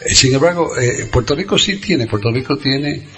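A man's voice: medium pitch, lively intonation, normal speed. A man chatting casually as a radio co-host, hesitating and repeating phrases as he goes. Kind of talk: casual unscripted chat. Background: music.

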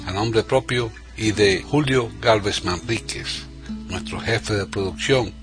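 A man's voice: on the low side, slow pace. A man hosting a podcast who gives a polite, formal closing announcement and thanks. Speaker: podcast host. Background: soft guitar music.

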